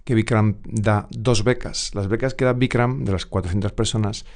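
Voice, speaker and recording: Low-voiced man. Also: steady tone, normal speed, a little mellow. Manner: hesitant, many fillers and restarts while recounting. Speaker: yoga teacher, co-host. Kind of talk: casual conversational storytelling.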